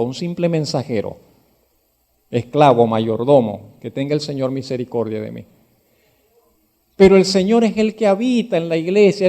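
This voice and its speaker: Male pastor, sermon delivery; mellow, slightly high voice; direct questions to the congregation; swings from hushed to forceful. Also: creaky. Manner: emphatic, rising to loud exhortation.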